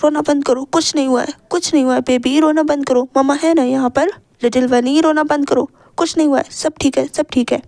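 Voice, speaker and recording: A frightened young mother begs in a high, breaking voice, stumbling over her words, as a woman narrator acts her out. The recording is close and dry. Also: fairly even intonation, brisk, few pauses, a little mellow, no echo. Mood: hushing. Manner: sobbing, stammering pleas. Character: terrified young mother pleading to save her children.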